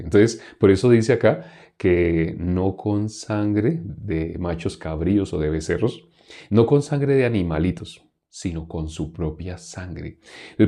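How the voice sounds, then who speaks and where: A man's voice: fairly low pitch, warm tone. A man preaching a conversational Bible-teaching sermon, asking his listeners questions and mimicking people straining in prayer.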